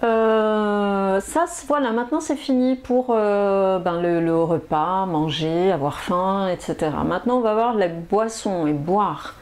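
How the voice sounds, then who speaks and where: A woman teaching French expressions in a language lesson, saying each phrase several times with many pauses and fillers. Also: medium pitch, darkish tone. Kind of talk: slow, repetitive language lesson.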